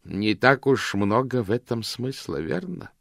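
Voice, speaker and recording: A stern, gloomy older housekeeper, as a male reader puts her on, grumbling and mournful. Her voice is pitched well above his own and sounds dry and close. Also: sing-song, measured pace, gravelly, a bit bright, no echo, exaggerated voice.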